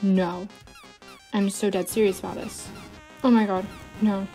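A young woman doing casual let's-play commentary, loud and frustrated, swearing and shouting at the game. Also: medium pitch, steady tone, unhurried, faint music behind. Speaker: gaming YouTuber.

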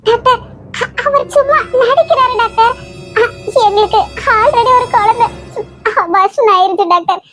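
Over background music, a woman with an extremely high voice plays a desperate young pregnant wife in a cartoon drama. At a measured pace, she delivers tearful, stammering pleas in Kanyakumari Tamil.

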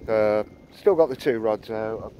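A man in middle age talks his viewers through his fishing setup in a relaxed, chatty way. He is recording himself on a phone outdoors on a harbour pier. Wind and water noise sit clearly behind his voice. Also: lowish voice, a little slow, highs cut off. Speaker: fishing vlogger. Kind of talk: casual vlog to camera. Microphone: phone camera at arm's length.

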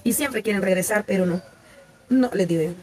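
A woman's voice: medium pitch, a little fast. A woman in her forties with a Salvadoran Spanish accent, chatting candidly with viewers on a live stream and often restarting her sentences. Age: 40s. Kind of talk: casual live-stream chat.

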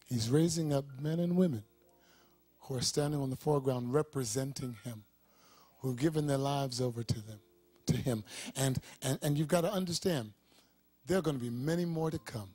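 A man's voice: medium pitch, normal speed, dark tone, slightly rough, no room sound, faint music behind. A man, a pastor, hosting a TV talk show interview in a studio with a live audience, speaking with an emphatic preacher's cadence.

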